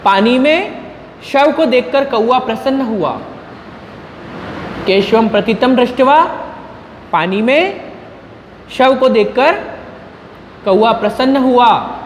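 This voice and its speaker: A man teaching Sanskrit, chanting each verse slowly and then explaining it twice over. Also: very high-pitched, animated. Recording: echoey room with long reverb, faint noise.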